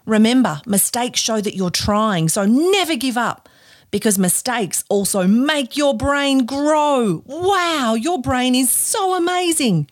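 A woman's voice: high voice, animated, takes it slowly. An Australian woman hosting a podcast for young children, speaking in a broad, exaggerated, encouraging singsong like children's theatre.

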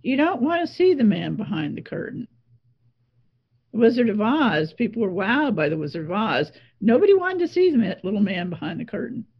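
A woman's voice: medium pitch, very animated, fairly quick, slightly rough, highs cut off. A woman speaking as a coach and interview guest, teaching conversationally in an emphatic, reflective way with repeated phrases.

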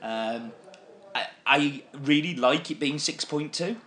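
A man co-hosting a casual beer review chat, animated and enthusiastic, often restarting his sentences. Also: fairly high pitch, slow. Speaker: beer podcast co-host. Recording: echoey room with faint ambience.

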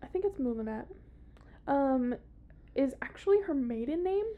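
A woman's voice: high voice, lively intonation, normal speed, phone-quality sound. A woman with a Southern US accent co-hosting a podcast, telling a story casually in a blunt, sweary, sardonic way. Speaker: podcast co-host telling a true-crime story.

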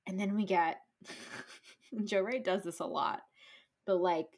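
A woman's voice: mid-range voice, fairly even intonation, takes it slowly, darkish tone. A woman co-hosting a podcast who chats casually about a film, laughs often and swears lightly. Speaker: podcast co-host. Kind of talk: casual film recap chat.

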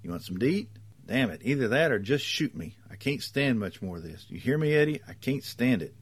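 A man voicing an irritable, sick young mother who complains and turns shrill when she shouts. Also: big pitch swings, fairly quick, slightly rough. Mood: fed up.

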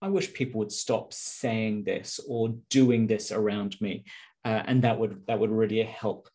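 A man's voice: on the low side, measured pace, mellow. A man hosting a podcast, asking questions in a reflective, conversational way. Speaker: podcast host. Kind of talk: casual interview.

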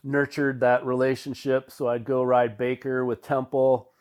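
A man's voice: medium pitch, flat delivery, moderate pace, darkish tone, smooth. A middle-aged man, a podcast guest, telling rambling, laid-back stories with fillers and the odd swear word. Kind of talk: casual storytelling.

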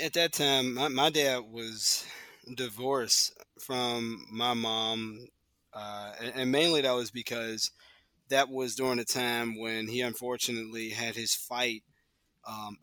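A man talks as a guest in a reflective interview, halting and thoughtful, leaning on fillers as he searches for words. His voice is bright and forceful in tone, with a dry, close sound that has no room echo. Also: medium pitch, fairly even intonation. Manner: hesitant, trailing off with many fillers.

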